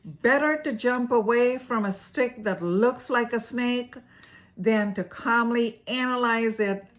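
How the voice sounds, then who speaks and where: A woman with a somewhat high voice narrates a scripted science explainer as the show's host. She takes her time, letting each phrase land slowly. Her delivery is playful and theatrical, often breaking into a laugh at her own jokes. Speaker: host of an educational series.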